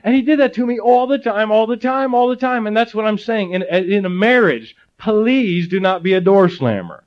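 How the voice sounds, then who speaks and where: Heard on slightly dull, lo-fi audio, this middle-aged Ohio preacher spins lively stories and cracks jokes on the side. His voice is high and his pace normal.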